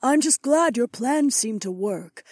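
A man voicing a gentle, grateful young queen in an audiobook, speaking softly. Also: very high voice, expressive, a little slow, no room sound, clean studio sound, pitched above the performer's own voice, heavily acted. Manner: soft-spoken, gentle. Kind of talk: audiobook character voice.

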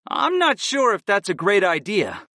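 A man's voice: high voice, huge pitch swings, bright, forceful tone, no echo, studio quality, voice pushed up, heavily acted. A man voicing a wry young male monster summoner in an audiobook. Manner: wry and quick-tongued. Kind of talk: audiobook character voice.

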